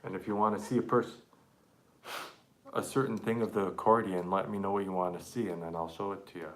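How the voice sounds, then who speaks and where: A man live-streaming an accordion repair, chatting casually and haltingly to viewers while he works with his hands. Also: deep voice, fairly even intonation, a little hiss or hum.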